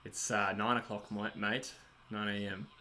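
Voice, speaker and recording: A man's voice: fairly low pitch, bright, forceful tone, slight background noise. A man in his twenties with an Australian accent, hosting a casual livestream and chatting as he reads out viewer messages. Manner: chatty, rambling, self-deprecating. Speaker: livestream host reading chat. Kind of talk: casual live chat over a cricket match.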